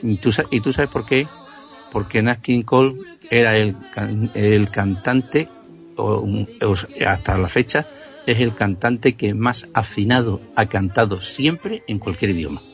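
A man's voice: lowish voice, measured pace, faint music behind. A man from Extremadura with a Spanish accent, explaining the history behind old songs in casual radio conversation, enthusiastic and explanatory. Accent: Spanish from Spain. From Extremadura, Spain. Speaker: music history contributor. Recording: dull lo-fi sound.

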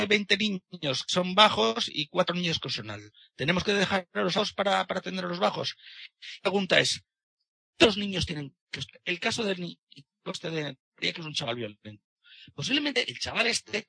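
A man's voice: high-pitched, gravelly, sharp tone, husky, no echo. A man speaking in a discussion, indignant and hesitant, often restarting his sentences. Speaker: participant in a discussion. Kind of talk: casual debate talk.

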